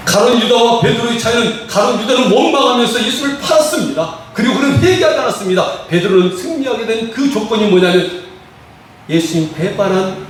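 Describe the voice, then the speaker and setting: High, lively-voiced pastor preaching in an echoey hall. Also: male voice, recorded from a distance, slight background noise. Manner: preaching with rhetorical questions, acting out quoted prayers. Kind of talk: sermon.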